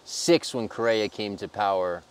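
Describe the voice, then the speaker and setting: Male interviewer, slightly low pitch, casual, conversational. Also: unhurried, clear, resonant tone. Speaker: interviewer, host.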